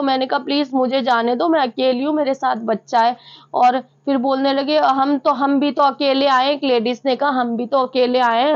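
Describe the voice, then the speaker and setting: A young woman earnestly recounting a personal devotional experience to fellow devotees, often addressing them directly. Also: high voice. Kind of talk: emotional testimony to a devotional audience. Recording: slightly dull lo-fi sound.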